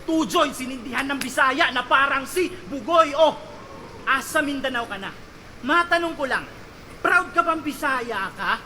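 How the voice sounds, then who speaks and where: A man performing a battle rap verse, taunting his opponent with punchy lines and shouted punchlines. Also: very high voice, measured pace, slight background noise. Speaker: battle rapper.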